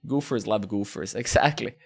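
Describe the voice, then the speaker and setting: A man's voice: lowish voice, normal speed, vocal fry, slightly rough, faint music behind. Rambling Serbian-born streamer man. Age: 30s. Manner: rambling, lots of filler, swears, asks "right?". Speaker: live-coding streamer. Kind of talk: casual chat while coding.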